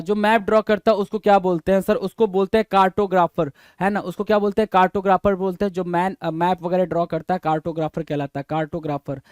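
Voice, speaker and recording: A man teaching an exam-prep vocabulary lesson, who reads definitions slowly, then explains in quick asides and spells words letter by letter. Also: high voice, no echo. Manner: addresses listeners as "bhai".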